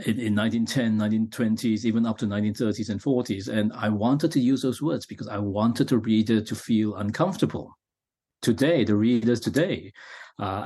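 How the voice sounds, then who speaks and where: A middle-aged man from Malaysia, a novelist answering interview questions in a halting way, with many restarts and fillers. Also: mid-range voice, a little mellow, husky.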